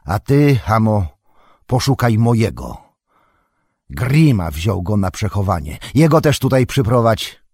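Male narrator doing a commanding aged king, low and husky, dry audiobook read. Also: sing-song, measured pace, a little mellow, no echo, heavily acted. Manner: stern, rousing battle call. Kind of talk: audiobook character voice.

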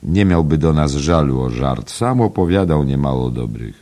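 A man voicing a sardonic, hot-tempered gentleman with a dry manner, in an audiobook reading. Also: rumbling low, expressive, normal speed. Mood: wistful.

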